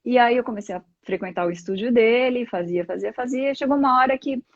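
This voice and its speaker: Her voice on the high side and fairly quick, a middle-aged Brazilian woman talks as a live interview guest about yoga, which she practices, explaining reflectively with examples. There is no echo, but the live stream audio comes across dull and lo-fi.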